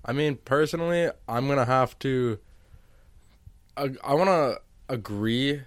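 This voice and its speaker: A man's voice: medium pitch, unhurried, dry recording, clean studio sound. A man co-hosting a casual film discussion podcast, recorded in an attic. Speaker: podcast co-host. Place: indoors in an attic.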